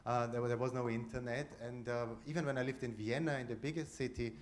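An Austrian man in his forties speaks as a panelist in a conference room, giving roundtable remarks into a handheld microphone. His medium-pitched voice holds a steady tone at a quick pace, with a little hiss or hum in the recording. He restarts phrases often, uses plenty of fillers, and gestures as he talks.

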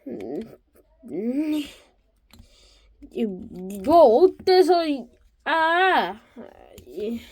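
Very high-voiced woman voicing a cartoon. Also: very animated, drawn-out words, long pauses. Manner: switches between characters, bursts into shouting and mock crying. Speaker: cartoon narrator voicing all characters. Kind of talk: comic cartoon voice acting.

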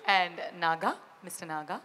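A woman's voice: fairly low pitch, normal speed, bright, forceful tone. A woman with an Indian accent playfully hosting a live press event and putting questions to a panel on stage. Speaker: press conference host.

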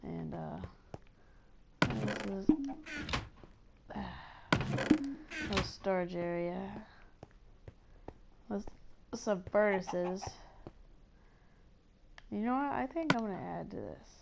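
A woman with a gravelly, creaky voice talks slowly through casual gameplay commentary. She rambles and chats along as she plays, humming little nonsense sounds. A loud, steady hiss runs under the whole recording. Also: mid-range voice. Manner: rambling, chatty, hums little nonsense sounds while playing. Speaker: gameplay video host.

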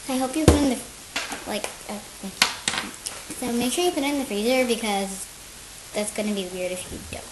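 Sitting at her kitchen table at home, a female host talks briskly through a casual cooking demo, her voice on the high side and her speech hesitant with frequent ums. The home camera recording is noisy.

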